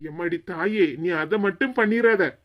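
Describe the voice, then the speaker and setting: A performer voicing a good-natured young male office worker in an animated cartoon, speaking with a Kanyakumari Tamil accent in a teasing, pleading manner. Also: mid-range voice, moderate pace, highs cut off, heavy background noise, lightly acted.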